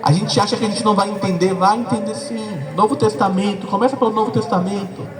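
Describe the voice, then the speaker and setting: High-voiced Brazilian pastor preaching. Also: male voice, fairly even intonation, quick pace, recorded from a distance, a crowd in the background, low-quality recording. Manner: conversational, emphatic, addresses the listener directly. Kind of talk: sermon. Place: church service with a congregation.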